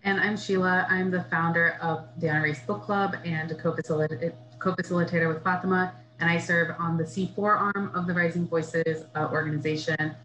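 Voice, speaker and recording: A woman's voice: lowish voice, steady tone, a little fast, hardly any pauses, fairly bright tone, slight background noise, rough recording. A woman who founded a book club, introducing the month's pick on a video call. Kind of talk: casual video-call discussion. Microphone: webcam on video call.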